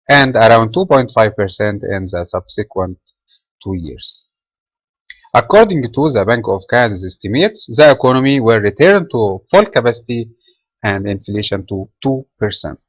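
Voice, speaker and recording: A man from Egypt, a trading trainer, reading a market commentary webinar from a script in a measured way with small filler pauses. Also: on the low side, no echo, poor audio.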